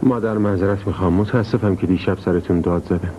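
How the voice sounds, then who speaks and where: A man's voice: deep voice, steady tone, lightly acted. A man dubbing a weary, frustrated grown son in an old film drama. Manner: weary, defensive. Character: restless, frustrated young adult son. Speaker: dubbing actor. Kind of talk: dubbed 1950s film drama. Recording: dull old dub with hiss.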